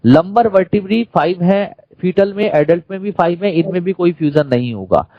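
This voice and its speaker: A man with an Indian accent gives a classroom lecture in a fairly high voice. He quizzes his students and repeats the key terms. The sound is dry and a little dull. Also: lively intonation, moderate pace, no echo. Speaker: teacher.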